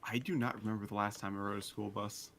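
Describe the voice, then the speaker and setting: Low-voiced American man, dry humor. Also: steady tone, fast, vocal fry, noisy background. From United States. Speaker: guest. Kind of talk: casual chat.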